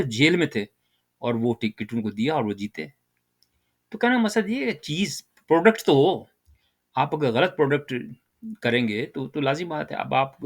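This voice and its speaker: An older man giving casual political commentary, animated and rhetorical, addressing his listeners directly. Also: mid-range voice. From Pakistan.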